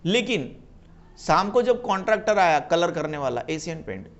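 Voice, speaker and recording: A man's voice: fairly high pitch, big pitch swings, normal speed, a bit bright. A male economics teacher giving a classroom lecture, mixing Hindi and English, often asking students if they have any doubt and singing a catchy mnemonic line.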